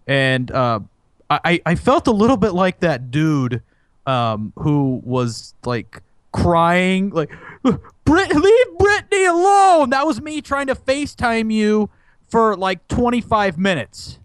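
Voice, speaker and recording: A young man co-hosting a laid-back podcast, poking fun at his co-host with playful, over-the-top grievances. His voice is high and animated. The sound is dry and close. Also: slow pace, clean tone, no room sound. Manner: teasing, mock-dramatic complaints. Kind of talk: casual podcast chat.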